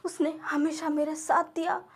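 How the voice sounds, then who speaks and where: Woman doing a grieving angry young guy, crying and yelling, high pitched. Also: flat delivery, a little slow. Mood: bitter, crying. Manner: accusing, loud and tearful. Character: heartbroken furious young man, grieving.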